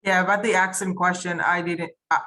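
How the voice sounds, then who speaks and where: A woman from Israel runs the session and answers questions over a video call. Her voice sits on the low side for a woman. She speaks candidly, with a few fillers. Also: little pitch movement, a little fast, sharp tone, slight background noise, rough recording. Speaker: event organizer. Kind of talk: casual Q&A.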